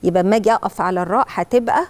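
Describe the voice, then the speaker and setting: A woman with an Egyptian accent who preaches and teaches Quran recitation to children. She explains each rule step by step and recites verses slowly to model them. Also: medium pitch. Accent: Egyptian Arabic.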